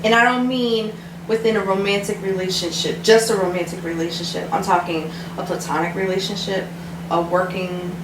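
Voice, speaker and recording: A woman's voice: medium pitch, steady tone, moderate pace. Chatty, giggly woman co-host. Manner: chatty, giggly, asks questions. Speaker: podcast co-host. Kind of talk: casual chat. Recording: echoey room, distant mic, audible noise.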